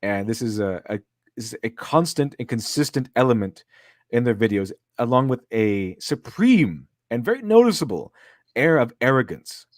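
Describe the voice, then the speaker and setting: A man's voice: medium pitch, very animated, moderate pace, dry recording. A man co-hosting a livestream, reading chat and mocking critics in a sarcastic, laughing way, with a dry close sound. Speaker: streamer and co-host.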